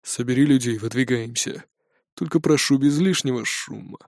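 A man voicing a calm, gruff gang boss who gives quiet orders in a dry recording. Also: medium pitch, normal speed, no echo, voice pushed down, natural voice. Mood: stern.

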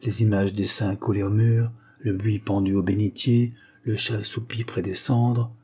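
Low, husky male audiobook narrator. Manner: measured, expressive storytelling. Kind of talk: audiobook reading of a classic novella.

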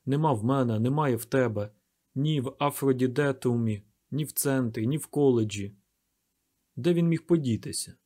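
A man's voice: medium pitch, normal speed, dark tone, close to an everyday voice. A man reading an audiobook, voicing a young man asking questions, mildly irritated. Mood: puzzled. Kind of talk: audiobook character voice.

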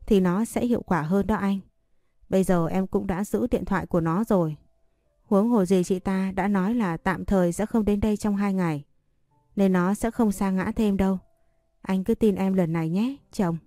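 A woman voicing a calm, gentle young wife. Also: medium pitch, no room sound, studio quality, lightly acted. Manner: gentle, reassuring.

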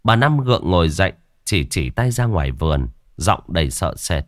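Guy telling a ghost story, lively pitch, dry close sound. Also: moderate pace, no room sound.

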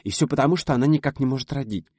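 A man's voice: rapid-fire, darkish tone, slightly rough, dry recording, studio quality, lightly acted. A man voicing a confident woman scientist who teases and confides in her friend in an audiobook. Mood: confiding. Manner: teasing, knowing, lowered confiding tone.

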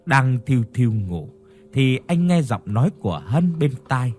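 A man tells a ghost story at a slow, measured pace. His pitch rises and falls expressively as he narrates. Soft music plays quietly underneath. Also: sing-song.

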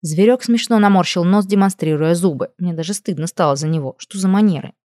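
Low-voiced woman narrating a fantasy audiobook. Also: fairly quick, no echo, clean studio sound. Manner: lively, expressive storytelling.

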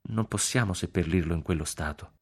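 A man's voice: low-pitched, brisk, creaky, darkish tone, husky, heavily acted. A man reading aloud and voicing a grieving Roman woman who speaks with hesitant embarrassment. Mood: worried.

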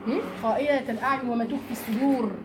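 A woman's voice: on the high side, very fast. A woman with an Egyptian Arabic accent teaching a Quran study lesson to women, telling stories animatedly and mimicking mocking voices. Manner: lively, animated storytelling with mocking impressions. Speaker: religious teacher. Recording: noisy room recording.

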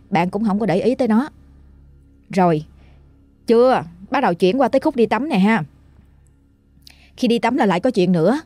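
A woman tells a ghost story in a chatty, dramatic way. Her voice is fairly high, and she draws out the tense moments. The sound is dry and close. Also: mellow, no room sound. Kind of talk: casual storytelling.

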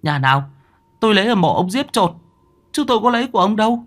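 A man's voice: expressive, moderate pace. A man doing a whiny cheeky boy. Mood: whining. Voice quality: high, whiny, yelling. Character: cheeky rude village boy, whiny and bold.

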